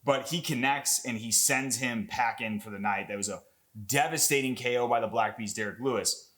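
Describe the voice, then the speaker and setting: Excitable rambling young man breaking down fights. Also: mid-range voice, moderate pace. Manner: excitable, rambling, swears a lot, many fillers. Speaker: MMA content creator. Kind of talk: casual fight breakdown commentary.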